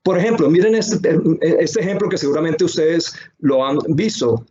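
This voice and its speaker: Over a video-call computer mic, a man with a high-leaning yet dark-toned voice runs a sales webinar at normal speed. Animated, he piles up emphatic lists and rhetorical questions, and the audio is lo-fi.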